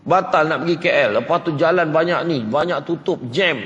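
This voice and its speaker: A Malaysian man giving a humorous religious lecture in a mosque, chatting with the crowd and teasing them with quick questions. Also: on the high side, a bit bright, lo-fi sound. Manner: chatty, teasing, keeps asking the crowd "right?". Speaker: religious preacher. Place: large mosque hall. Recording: echoey hall with faint noise.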